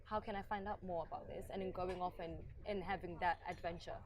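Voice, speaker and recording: A woman in her twenties, originally from Zimbabwe, speaks quickly and thoughtfully as a podcast guest. Her voice sits a little low, and a busy public venue chatters loudly behind her. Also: steady tone. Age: 20s. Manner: quick, thoughtful and conversational, with frequent agreeing murmurs. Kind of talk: podcast interview. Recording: noisy crowd in a public venue. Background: crowd chatter.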